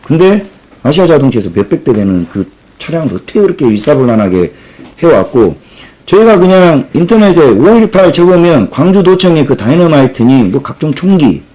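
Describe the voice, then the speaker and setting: Lively-pitched man from Jeolla, opinionated. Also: brisk. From Jeolla, South Korea. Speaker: channel host reading viewer comments. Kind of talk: casual commentary.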